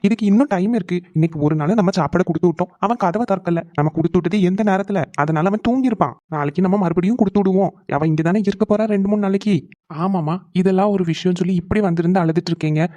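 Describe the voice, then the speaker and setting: A man's voice: high voice, rapid-fire, warm tone, no room sound, close to an everyday voice. A man voicing a grown son in a cartoon, earnestly coaxing his mother. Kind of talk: animated cartoon voice acting.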